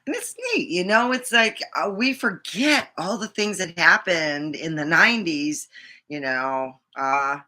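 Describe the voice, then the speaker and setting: Female vlogger, middle-aged, American. Slightly low but forceful tone, casual, rambling, sweary delivery. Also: lively intonation, a little slow. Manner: rambling, blunt, profane. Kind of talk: casual chat to camera.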